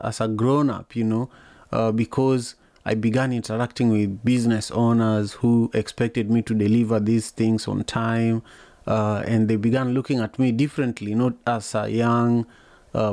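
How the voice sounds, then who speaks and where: Flat-toned Kenyan podcast host. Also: male voice, on the low side, no echo. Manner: steady, with frequent "you know" fillers. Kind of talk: conversational interviewing.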